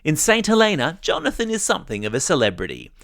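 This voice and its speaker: A man's voice: fairly high pitch, wildly swooping pitch, quick pace, fairly bright tone, no room sound, studio quality. An Australian man hosting a news podcast for children, reading scripted stories in a chatty, playful way and speaking straight to young listeners. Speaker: podcast host.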